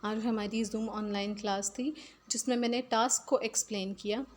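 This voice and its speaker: A woman English teacher, explaining a lesson slowly and repeating key words. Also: medium pitch, fairly even intonation, a little hiss or hum. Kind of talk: recorded classroom lesson.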